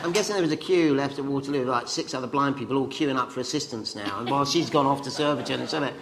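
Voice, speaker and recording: A man's voice: mid-range voice, fast, a loud crowd. A man hosting a live panel show, introducing guests with dry, teasing remarks. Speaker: host. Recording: live show with audience noise.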